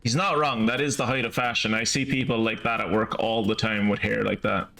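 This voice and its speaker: A man's voice: on the low side, fairly even intonation, fairly quick, gravelly, bright, forceful tone, faint music behind. A man giving casual live commentary as he streams a game.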